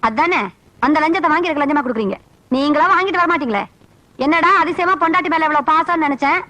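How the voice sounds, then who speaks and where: A woman's voice: sits high, fast talker, sharp tone, poor audio. A nagging, scolding mother. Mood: complaining. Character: strict scolding mother of a young boy. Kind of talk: film comedy scene acting.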